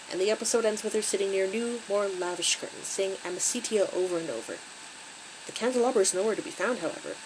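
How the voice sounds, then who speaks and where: A woman's voice: medium pitch, a little mellow, rough recording. Lady retelling a creepypasta show, chatty and wry, voice going up and down a lot, faint room hum. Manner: wry, conversational asides. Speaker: channel host and story reader. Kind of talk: recapping a creepy story with asides.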